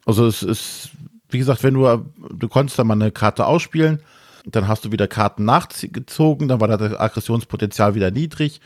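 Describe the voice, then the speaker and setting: A man co-hosting a board game podcast, giving a hesitant, measured critique in casual chat. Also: on the low side, dry recording, studio quality.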